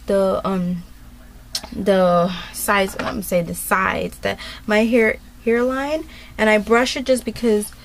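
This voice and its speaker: A beauty vlogger chats her way through a hair tutorial, rambling casually and using lots of fillers. Her voice is mid-range, and there's a little hiss or hum.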